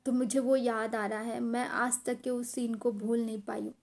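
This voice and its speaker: A woman's voice: on the high side, little pitch movement, normal speed. A young woman casually and emotionally telling a story from her childhood, repeating phrases for emphasis and slipping in English words.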